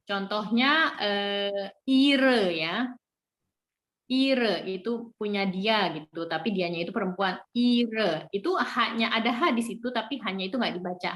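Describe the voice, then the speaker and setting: A woman's voice: medium pitch, moderate pace, a bit bright. A woman teaching a live online German lesson, patiently correcting pronunciation step by step.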